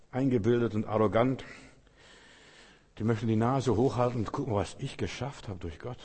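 A man preaching a sermon with emphatic swings between loud outbursts and quiet asides, acting out biblical speakers. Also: fairly low pitch, husky, in a large hall. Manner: acts out biblical speakers in quoted lines.

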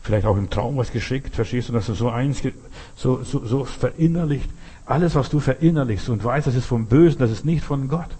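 A man's voice: mid-range voice, a little fast, mellow, breathy edge. A man preaching a sermon in an earnest, repetitive way, speaking straight to his listeners.

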